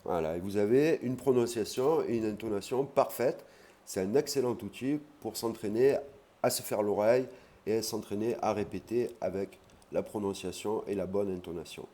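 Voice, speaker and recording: A man teaching an online language lesson, explaining patiently and repeating key words slowly. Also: lowish voice, mellow.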